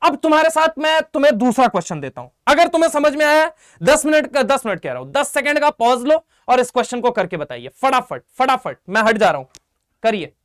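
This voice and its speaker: A man teaches chemistry online for exam prep, his very high-pitched voice moving fairly quickly as he fires questions and coaxes students to answer, energetically calling them "beta" and "bhai". The recording is studio quality, with no room sound.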